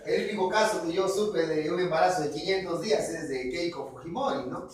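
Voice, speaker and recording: High-voiced man telling a story. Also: a little fast, crowd noise. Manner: dramatic, joking asides. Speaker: teacher retelling a novel. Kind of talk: casual storytelling summary with jokes. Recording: echoey room, far from mic.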